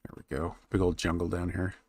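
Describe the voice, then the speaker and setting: A man with a low, gravelly voice talks casually to his stream as he works on a map. He mutters quietly to himself between remarks, then lifts his voice to talk to chat. The sound is close and dry, with typing and mouse clicks behind him. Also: flat delivery, brisk, no echo. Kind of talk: casual live-stream chat while working.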